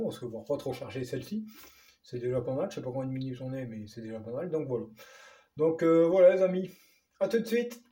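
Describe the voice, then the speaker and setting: A man with a northern French accent, chatting through an unboxing vlog, excited and stumbling over his words. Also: on the high side. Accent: Ch'ti. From northern France. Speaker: vlogger.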